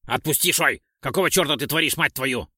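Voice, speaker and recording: A male audiobook reader voicing a hot-headed, foul-mouthed comrade who shouts his demands, recorded in a dry booth. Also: mid-range voice, expressive, a little fast, creaky, breathy edge, no room sound, exaggerated voice. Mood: furious. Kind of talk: audiobook character reading.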